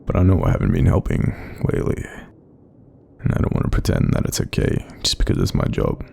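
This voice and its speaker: An Australian man voices a kindly, apologetic sleep paralysis demon in an intimate audio roleplay, gently reassuring the listener in a soft, hesitant, breathy way. It's a full character voice, very deep, breathy and creaky, very animated and a little fast.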